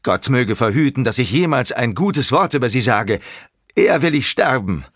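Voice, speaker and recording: A man doing a frightened, shouting writer. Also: mid-range voice, lively intonation, normal speed, no room sound, studio quality, voice pushed up. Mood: defiant. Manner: stammering, trembling, then shouting defiantly. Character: terrified middle-aged male writer.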